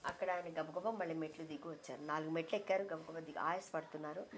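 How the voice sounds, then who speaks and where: A woman's voice: deep voice, fairly even intonation, fast talker, a little hiss or hum. Heartfelt middle-aged woman reminiscing. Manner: heartfelt, emotional storytelling, softening when quoting others. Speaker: interview guest. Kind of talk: reminiscing in an interview.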